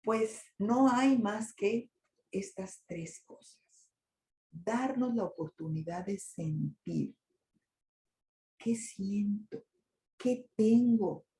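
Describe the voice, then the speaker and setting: A woman's voice: fairly high pitch, warm tone, echoey room. An older woman giving a talk to an audience, asking rhetorical questions as she goes. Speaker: lecturer on migration and grief. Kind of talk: presentation to an audience with slides.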